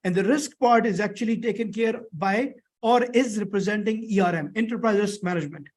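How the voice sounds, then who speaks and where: A high-voiced man gives a brisk, conversational lecture for an online or classroom course. His sore throat makes him sound a little thick and strained, as if his tonsils are swollen. He repeats points and keeps checking that listeners follow with short tag questions.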